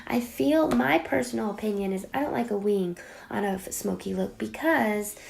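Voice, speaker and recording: A young woman with a raspy voice from a cold, chatting playfully and dramatically through a makeup tutorial, sometimes dropping to a whisper. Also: mid-range voice, normal speed. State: getting over a cold. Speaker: beauty vlogger. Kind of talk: casual makeup tutorial chat.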